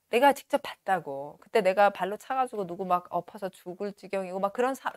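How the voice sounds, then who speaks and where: A woman in her forties teaching in a studio, reading passages slowly and clearly, then explaining in quick asides. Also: medium pitch, no echo. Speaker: English teacher. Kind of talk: lecture on a novel, reading lines aloud and explaining. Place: studio with a virtual backdrop. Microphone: lapel mic.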